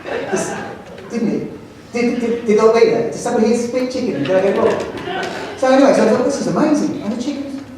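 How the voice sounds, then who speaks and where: Male headteacher with a London accent, animated anecdotal speaker; distant mic in a reverberant hall. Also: very high-pitched, a little fast, background noise. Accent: London English. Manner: jokey storyteller, animated, self-mocking. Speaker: headteacher giving a talk. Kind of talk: anecdotal presentation to an audience. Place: large hall with audience.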